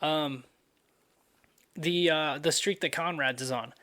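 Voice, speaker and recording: A man's voice: a little high, slow, pushed and bright. A young man hosting a podcast, telling a story in a loose, profane, casual way full of fillers. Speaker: podcast host.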